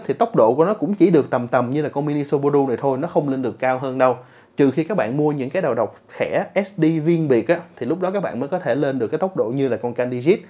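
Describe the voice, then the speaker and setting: A man's voice: mid-range voice, a little mellow. A man reviewing a gadget in a chatty, casual way, talking straight to his viewers. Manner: chatty, addresses viewers directly with filler particles. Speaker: tech reviewer.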